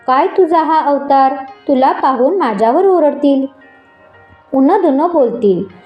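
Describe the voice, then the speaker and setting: A woman's voice: sits high, warm tone, reverberant. Woman doing a fretful young palace maid. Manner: questioning, pleading.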